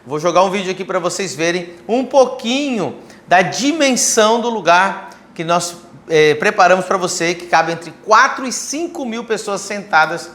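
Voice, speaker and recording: A man's voice: high voice, expressive, normal speed, a bit bright. A man pastor on a church livestream, enthusiastically promoting an event and talking at length. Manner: enthusiastic promoter, talks a lot.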